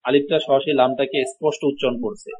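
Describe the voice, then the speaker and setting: A man teaching an Arabic class, speaking slowly and repeating each word for his students to echo. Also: medium pitch, steady tone, darkish tone, slightly rough. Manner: slow, drills pronunciation, repeats words for students. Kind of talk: online language class. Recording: dull lo-fi audio.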